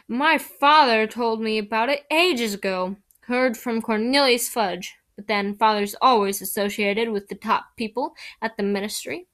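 A woman's voice: fairly high pitch, a bit bright. A woman doing a sneering spoiled schoolboy bully, Malfoy. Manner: taunting, mocking.

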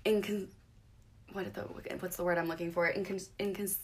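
A woman's voice: fairly low pitch, steady tone, normal speed, slight background noise. A woman chatting casually, rambling and self-deprecating, voicing her own thoughts as quotes. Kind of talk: casual chat.

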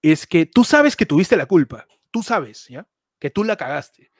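Animated high-voiced man joking. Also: measured pace, no room sound, studio quality. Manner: jokey, exaggerated, animated storytelling. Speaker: podcast co-host. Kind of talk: casual chat.

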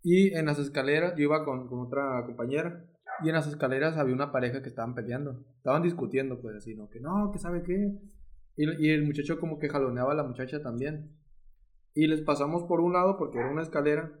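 Slightly high-voiced Mexican man. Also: fast. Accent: Mexican Spanish. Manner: relaxed storytelling with hesitations. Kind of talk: casual chat.

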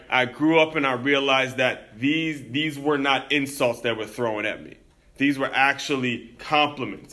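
Bright-voiced man telling his story. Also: medium pitch. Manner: earnest and reflective, addresses listeners as teammates. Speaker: podcast host. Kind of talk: personal storytelling monologue.

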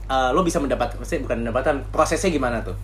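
A man's voice: medium pitch, very fast, fairly bright tone, soft background music. A young man who has trouble pronouncing his R's, chatting casually as a podcast host. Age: young adult. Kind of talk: casual bantering chat.

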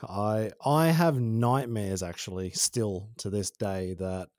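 An Australian man, a podcast guest and former freestyle motocross rider, chatting in a relaxed, rambling, slangy way. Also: on the low side, slow pace, no echo, studio quality. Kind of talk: casual conversation.

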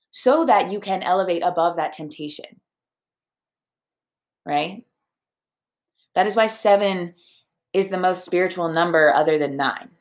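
Chatty emotional woman, slightly low voice. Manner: chatty, emotional, upbeat, with fillers. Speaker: podcast host. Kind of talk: casual spiritual podcast talk.

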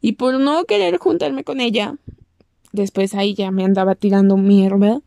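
A woman's voice: moderate pace, gravelly, warm tone, no room sound, clean studio sound. A young woman with a Mexican accent telling a personal story to the camera, chatty and acting out what people said. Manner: chatty, acts out quoted lines in a squeaky voice. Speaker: vlogger.

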